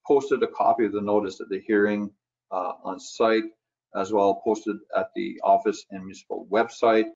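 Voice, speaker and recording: A man's voice: fairly low pitch, fairly even intonation, normal speed, vocal fry, a little mellow, highs cut off. A man on municipal staff reporting procedure to council, hesitant and full of fillers.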